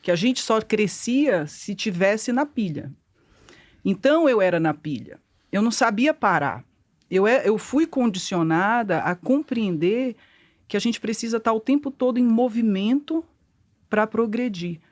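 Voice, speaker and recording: A woman, the guest's wife, answering an interview question in a calm, reflective way. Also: a little high, measured pace, no echo, studio quality.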